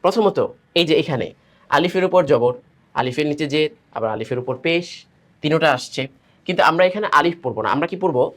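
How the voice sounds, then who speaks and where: A man's voice: fairly high pitch, lively intonation, fast, pauses often, a bit bright. A man teaching Quran reading step by step, who explains patiently, asks his own questions and answers them, and chants letter drills in a firm rhythm. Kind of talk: step-by-step recitation lesson.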